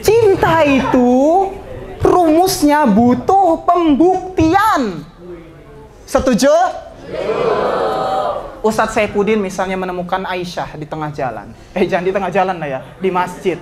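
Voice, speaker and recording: A man, an ustadz giving a lively religious talk to students, swinging between raised exhortation and soft joking asides. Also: high-pitched, unhurried, pauses often, some chatter behind.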